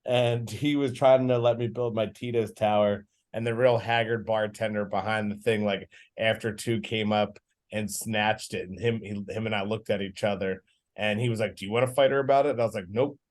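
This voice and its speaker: A man taking part in a workout class, casually chatting and telling stories in a relaxed way. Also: fairly low pitch, moderate pace. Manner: laid-back storytelling with laughs. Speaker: class participant. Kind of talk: casual chat.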